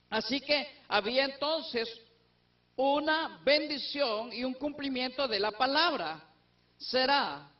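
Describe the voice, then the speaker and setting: A man teaching a Bible study who explains step by step and asks and answers his own questions. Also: extremely high pitch. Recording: distant, dull lo-fi recording.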